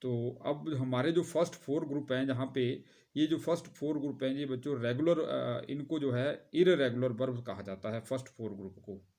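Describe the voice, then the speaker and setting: A male teacher giving a grammar lesson to students, speaking directly to them, spelling out word forms slowly and pausing often with hesitations. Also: mid-range voice, a little mellow.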